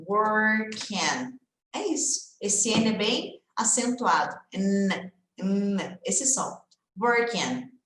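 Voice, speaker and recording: A woman runs a live lesson, speaking in a lively, chatty way straight to her viewers. Her voice sits a little high. The room around her rings with noticeable echo. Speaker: English teacher. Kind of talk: live-streamed language lesson. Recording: echoey room.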